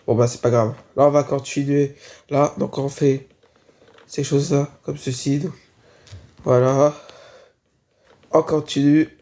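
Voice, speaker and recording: Game tutorial narrator, slightly sick, hesitant, unhurried, even flat delivery. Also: mid-range voice. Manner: hesitant, repeats "voilà" and "on continue". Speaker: Minecraft building tutorial creator. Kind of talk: casual gaming tutorial narration.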